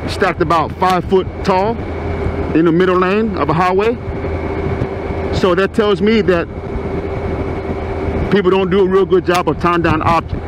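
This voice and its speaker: A man's voice: high voice, fairly even intonation, unhurried, long pauses. A middle-aged man with a Texan accent, a motorcycle riding instructor talking riders through traffic casually as he rides. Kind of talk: ride-along instruction vlog.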